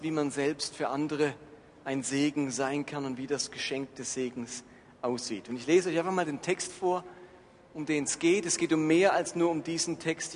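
Man preaching a sermon, fairly high voice, long echo, faint background hum. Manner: earnest, reads scripture aloud. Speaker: pastor. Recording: echoey hall, faint ambience.

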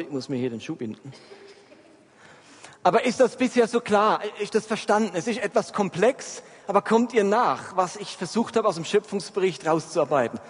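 A man delivers a sermon and keeps turning to his listeners with questions to check they are following. His voice sits high and sounds a little husky. A long reverb from the hall trails behind every phrase. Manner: addresses the congregation with frequent check-in questions. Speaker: preacher.

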